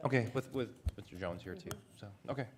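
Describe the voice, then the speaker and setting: Male council member, lowish fast voice, hesitant, picked up off-mic with clear background noise. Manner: hesitant, repeating himself. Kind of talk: remarks at a council meeting.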